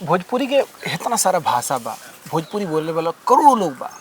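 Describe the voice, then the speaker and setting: A man's voice: on the high side, big pitch swings, fairly quick, a little hiss or hum. A man with a Bhojpuri accent hosting a podcast, asking long conversational questions. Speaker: podcast host. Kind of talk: interview questions.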